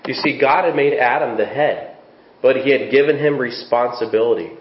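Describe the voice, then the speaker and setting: A man's voice: medium pitch, normal speed. Preaching man in an echoey church. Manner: earnest preaching with scripture reading and rhetorical questions. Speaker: pastor. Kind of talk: sermon. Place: church sanctuary. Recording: echoey, dull church recording with faint hiss.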